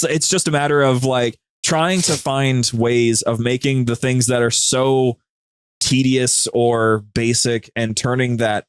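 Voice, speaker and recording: There's no room sound around this man's mid-range voice. He's guesting on a podcast, being a co-host of a media group's show, and his casual interview talk unfolds as lively, enthusiastic storytelling.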